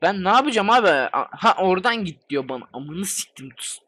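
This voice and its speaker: A man giving excitable, swear-filled commentary while playing a game, hosting his own gaming channel. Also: sits high, fairly quick. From Turkey. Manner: excitable, swears constantly, chatty. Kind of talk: let's play commentary.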